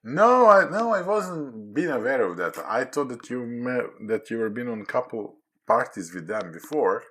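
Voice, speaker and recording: Lively bright-voiced man in his forties. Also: medium pitch. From Croatia. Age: 40s. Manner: halting, non-native English with many fillers. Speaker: podcast guest. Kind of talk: casual chat.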